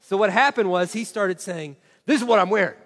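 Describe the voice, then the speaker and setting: High-voiced man in his forties, animated storyteller. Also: a little fast, long reverb tail. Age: 40s. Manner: acts out quoted dialogue expressively, self-mocking.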